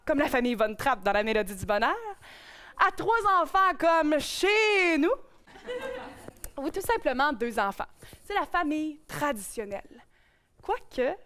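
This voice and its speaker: A woman's voice: high-pitched, a bit bright. A young woman with a Québécois accent, hosting and delivering a playful, self-mocking comic monologue on stage. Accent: Québécois French. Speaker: host. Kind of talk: stand-up opening monologue. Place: stage before a live audience.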